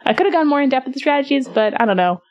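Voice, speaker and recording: Woman, podcast host, casual chat, giggly, voice jumps high when excited. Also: very fast. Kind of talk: casual board game chat.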